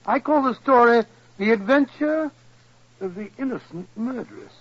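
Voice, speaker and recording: Bumbling, high-voiced British Doctor Watson. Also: male voice, expressive, moderate pace. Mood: genial, reminiscing. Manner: bumbling, stammering, repeats himself. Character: elderly genial doctor telling tales of his detective friend. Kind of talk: 1940s radio acting. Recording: muffled old radio recording.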